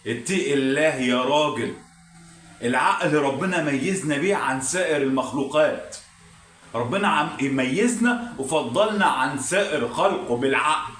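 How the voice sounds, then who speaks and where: Egyptian man preaching advice, slightly high voice, echoey room, distant mic. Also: a bit bright, slight background noise. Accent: Egyptian Arabic. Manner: earnest, preachy. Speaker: channel host. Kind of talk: moral advice to viewers.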